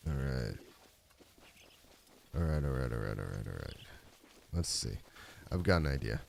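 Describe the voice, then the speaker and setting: A man streaming live gameplay, talking and rambling to his chat, with a deep, raspy voice from a rough throat. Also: lively intonation, normal speed, darkish tone, a little hiss or hum. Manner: rambling, humming along while playing.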